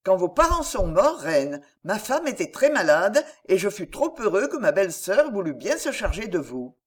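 A woman reading an audiobook, voicing a reserved middle-aged gentleman uncle in a dry, matter-of-fact tone. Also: mid-range voice, big pitch swings, normal speed, breathy edge. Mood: earnest. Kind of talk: audiobook character dialogue.

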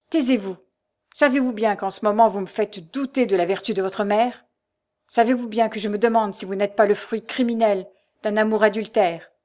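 A woman's voice: mid-range voice, darkish tone, lightly acted. A woman voicing a proud old baron in a storybook, raging at his son with vehement, commanding force.

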